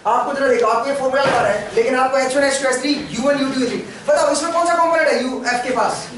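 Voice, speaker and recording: A man's voice: very high-pitched, fast talker, noisy background. A man teaching an engineering class, firing questions at his students and answering them himself. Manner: questioning, prompts students constantly. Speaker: engineering lecturer. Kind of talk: classroom lecture. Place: large echoey classroom. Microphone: camera far from the speaker. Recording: echoey classroom from far off.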